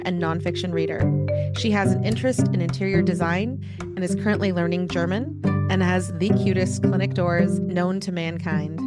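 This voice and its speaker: A woman from California hosting a podcast, interviewing a guest with enthusiastic, gushing warmth. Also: medium pitch. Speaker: podcast host.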